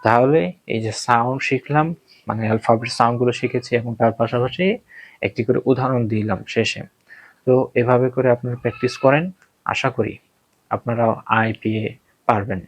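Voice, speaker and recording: A man with a Bengali accent teaching phonics, who says each sound slowly and repeats it several times. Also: mid-range voice, steady tone, low-quality recording. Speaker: English pronunciation teacher. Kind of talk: slow phonics lesson.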